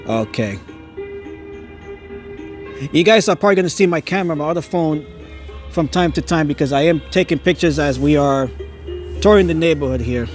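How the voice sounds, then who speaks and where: This man's fairly high, animated voice moves at a moderate pace, broken by long pauses, as he walks a neighborhood street at night showing holiday lights on a live stream. His casual narration is full of awe, frequent laughter, and occasional stammers. Soft music sits in the background, and he films on a phone with a handheld gimbal.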